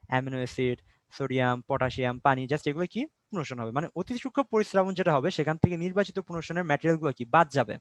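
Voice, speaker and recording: A man's voice: fairly high pitch, no echo. A young man from Bangladesh teaching an online biology class, explaining step by step, asking and answering his own questions and mixing in English words. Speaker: biology tutor.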